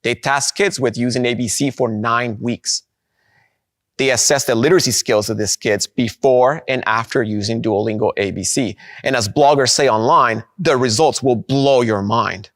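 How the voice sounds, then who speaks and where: A man from Guatemala, giving an upbeat conference keynote and slowing down to stress key points. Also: mid-range voice, a bit bright, no echo, studio quality. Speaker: presenter of a product.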